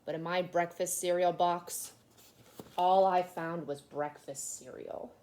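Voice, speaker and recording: A woman teacher reading a children's picture book aloud, expressively, with dramatic pauses and emphasis. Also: on the low side, steady tone, darkish tone.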